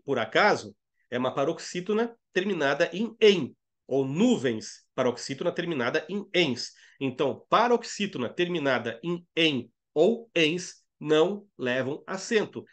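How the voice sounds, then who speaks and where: Brazilian male teacher, fairly high voice, jokey live-class host, constant "tá?" and "né?" tags. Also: a bit bright. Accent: Brazilian Portuguese. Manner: jokey, reads viewer chat aloud, frequent "tá?" and "né?"; slows right down to spell out words. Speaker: online Portuguese grammar teacher. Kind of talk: live online lesson, chatty and playful.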